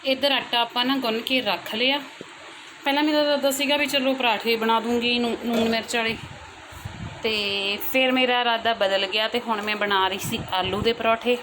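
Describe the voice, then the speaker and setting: A woman's voice: on the high side, steady tone, moderate pace, noisy background. A young woman and mother chatting casually to her viewers at home in a daily vlog, talking loosely in long run-on sentences. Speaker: family vlogger, mother. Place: at home, indoors.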